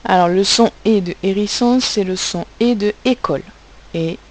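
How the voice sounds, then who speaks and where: A woman's voice: medium pitch, moderate pace. A woman teaching young children spelling and handwriting, speaking patiently and spelling out letters and sounds, with a French accent.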